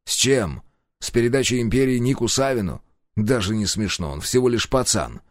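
A man voicing a stubborn, reluctant hero who answers bluntly and gruffly and swears when pushed. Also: medium pitch, animated, moderate pace, dry recording, clean studio sound, natural voice. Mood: defiant.

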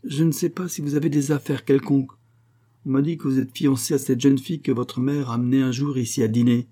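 A man's voice: mid-range voice, steady tone, brisk, warm tone, pitched above the performer's own voice, close to an everyday voice. A man voicing a haughty, imperious baronet. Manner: cold, cutting, imperious questioning. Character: haughty, hostile baronet, middle-aged man.

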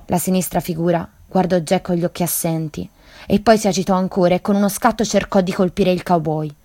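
Low-voiced woman reading a tale. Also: fairly even intonation, a little fast, dark tone, dry recording, studio quality. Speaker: radio literature show reader. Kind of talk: reading a story aloud.

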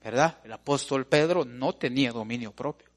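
Predicador centroamericano animado. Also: male voice, mid-range voice, moderate pace. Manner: animated preaching, calls listeners brother, swings between loud and hushed. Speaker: pastor. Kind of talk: sermon.

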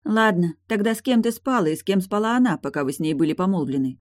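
A woman reading an audiobook, voicing a brash, sharp-tongued retired guardswoman who is mocking, blunt and pushy. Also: mid-range voice, lively intonation, fast talker, dry recording, clean studio sound, voice pushed up, natural voice.

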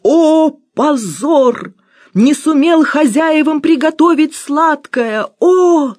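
A woman's voice: lowish voice, animated, normal speed, husky. A woman reader voicing a tiny, fussy male cook who is servile and wildly melodramatic. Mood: lamenting. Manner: obsequious, theatrical lamenting.

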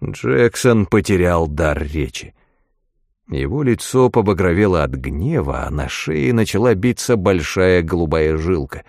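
A man narrating an audiobook in an expressive literary style. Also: low voice, measured pace, gravelly, dry recording, clean studio sound. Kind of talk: audiobook reading.

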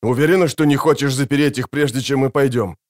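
A man's voice: mid-range voice, steady tone, fast, a little mellow, voice pushed up, close to an everyday voice. A man voicing a thin, suspicious older male prison guard in a home-made audiobook. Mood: uneasy.

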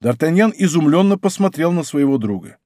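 A man reading an adventure novel aloud as a narrator, with expressive, steady storytelling. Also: fairly high pitch, brisk, no room sound, clean studio sound. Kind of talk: audiobook narration.

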